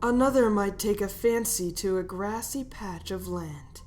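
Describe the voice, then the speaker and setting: A woman voicing a commanding dragon queen in an animated fantasy, imperious, measured and smoothly condescending. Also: medium pitch, a little hiss or hum, lightly acted. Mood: musing, lecturing. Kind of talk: animated fantasy drama acting.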